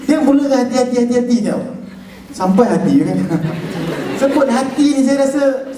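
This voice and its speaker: A man's voice: fairly high pitch, dark tone. Joking Malaysian man in an echoey hall. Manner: jokey, teasing the audience. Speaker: liver transplant recipient speaker. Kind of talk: humorous public talk. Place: lecture hall. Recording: echoey lecture hall, far from mic.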